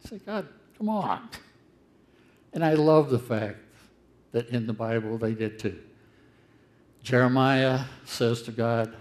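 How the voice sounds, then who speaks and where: An older man preaching a sermon in a conversational, earnest way, his voice swelling to loud, emphatic peaks. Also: medium pitch, steady tone, unhurried.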